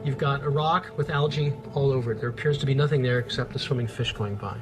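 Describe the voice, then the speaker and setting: A man's voice: mid-range voice, steady tone, fast, music in the background. A middle-aged man, a research scientist, explaining things informally and with wonder as an expert in a nature documentary. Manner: enthusiastic, marvelling, plain-spoken.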